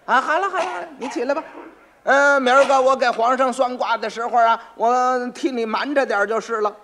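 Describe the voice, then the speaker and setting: A man's voice: very high voice, sharp tone, a little hiss or hum, voice pushed up. A man doing a smug fake fortune teller. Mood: gracious. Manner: slow, pompous, self-important. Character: sly, smug male fortune teller faking powers.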